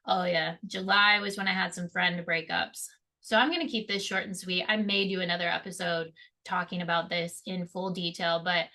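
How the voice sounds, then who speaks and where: Young woman podcaster, bright clear voice, candid, swears a lot, laughs at herself. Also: medium pitch. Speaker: podcast host. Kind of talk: casual solo podcast monologue.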